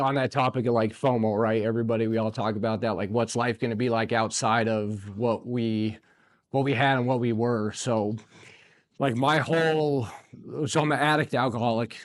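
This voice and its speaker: A man's voice: mid-range voice, steady tone, moderate pace, no room sound. A man in his forties from the United States talking in a loose, rambling way with lots of fillers, choked up at moments. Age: 40s. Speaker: guest. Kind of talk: casual interview talk.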